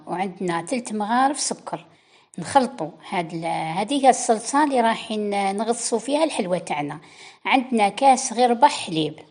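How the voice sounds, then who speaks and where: A woman with an Algerian Arabic accent hosts a cooking channel, talking her viewers through a baking recipe step by step in a chatty, instructive voice-over. Her voice is medium in pitch and a little mellow.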